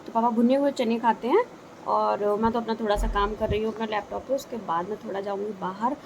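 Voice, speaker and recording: A woman's voice: medium pitch, steady tone, fast, slight background noise, rough recording. A young woman narrating her family's day at home in a rural house, chatty and repeating herself for emphasis. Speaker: family vlogger. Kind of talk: casual vlog narration. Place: rural home with cattle yard and kitchen.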